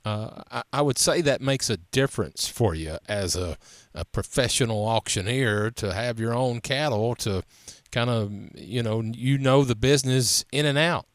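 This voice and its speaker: A man with a Southern US accent, asking casual interview questions in halting, rambling phrases. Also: mid-range voice, dry recording.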